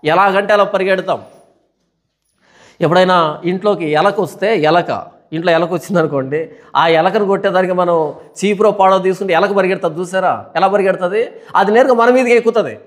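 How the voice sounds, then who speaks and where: Male pastor, high-pitched, animated teaching sermon full of rhetorical questions. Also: a little fast. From India. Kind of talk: Bible study sermon.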